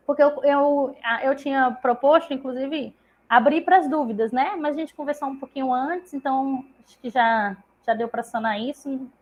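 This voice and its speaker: High-voiced woman explaining activities. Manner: chatty, explains with examples, many tag questions. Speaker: literacy tutor leading a parent meeting. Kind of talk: online group session, casual explanation.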